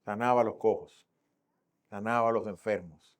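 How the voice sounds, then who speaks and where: A male pastor with a Dominican accent, preaching a Sunday school sermon and acting out the voices he quotes, swinging from loud to hushed. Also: fairly low pitch, fairly even intonation, normal speed. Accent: Dominican Spanish. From Dominican Republic.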